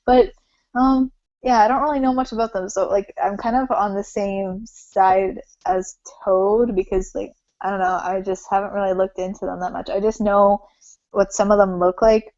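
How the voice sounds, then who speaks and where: A woman's voice: medium pitch, steady tone, moderate pace, a little mellow, dry recording. A woman hosting a casual chat, rambling and filling her talk with "like", a little self-conscious about it. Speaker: host. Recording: dull lo-fi sound.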